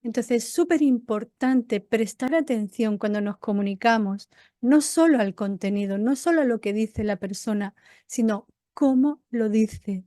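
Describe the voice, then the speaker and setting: Woman coach teaching with a slightly high voice. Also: unhurried, dark tone, no room sound. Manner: didactic, lists items in short paced phrases; acts out example tones of voice. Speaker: NLP coaching instructor. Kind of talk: online course lecture.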